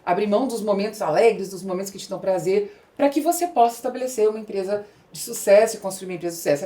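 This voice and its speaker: A middle-aged woman with a Brazilian accent and a medium-pitched, darkish voice hosts a podcast. A business growth specialist, she lays out her views conversationally.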